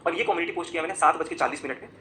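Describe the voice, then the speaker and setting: A man talks at a racing clip in a bright, cutting, somewhat high voice, agitated and accusatory. He walks through chat screenshots on his phone during a live confessional rant, jumping between emphatic outbursts and quick muttered asides. A faint hum sits behind him. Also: low-quality recording. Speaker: vlogger.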